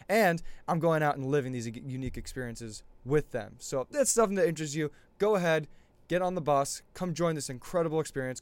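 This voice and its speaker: Smooth-voiced male podcast host, upbeat. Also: fairly high pitch, no room sound. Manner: energetic, rambling. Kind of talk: podcast intro and casual interview chat.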